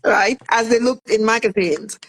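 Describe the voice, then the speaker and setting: On the high side and at a moderate pace, a woman in her fifties from Cameroon speaks as an interview guest. An author and food entrepreneur, she narrates her story casually and with energy, voicing her earlier words in quotation.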